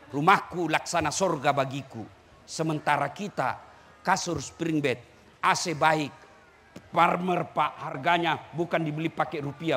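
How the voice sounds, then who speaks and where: A man preaching a lively sermon, teasing and shouting at the crowd. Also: fairly high pitch, slight background noise. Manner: teasing, shouting and singing to the audience. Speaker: Islamic preacher. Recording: echoey hall with faint ambience.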